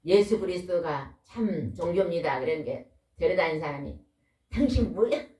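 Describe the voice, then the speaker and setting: Woman, folksy sermon, lowish voice, roomy church echo. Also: normal speed. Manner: lively, folksy, asks the congregation questions. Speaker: pastor's wife preaching. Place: church hall. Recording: echoey hall, voice from far off.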